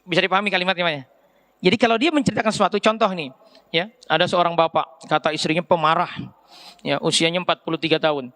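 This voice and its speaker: A man's voice: on the high side, quick pace. A middle-aged man preaching a casual sermon, often asking his listeners questions. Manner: lively, asks the audience questions.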